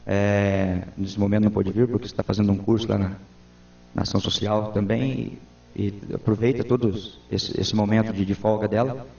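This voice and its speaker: A man's voice: lowish voice, flat delivery, normal speed, gravelly, mellow, roomy sound. Earnest man in his forties, dull distant sound. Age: 40s. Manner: earnest and formal. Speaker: town councilman, interview guest. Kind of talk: local TV interview answers.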